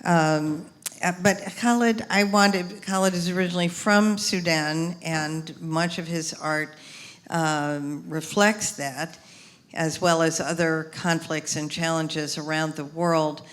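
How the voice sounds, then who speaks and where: A woman moderating a panel, introducing a guest in a measured way, listing items one by one. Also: deep voice, fairly even intonation. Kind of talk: introducing a guest and asking a question.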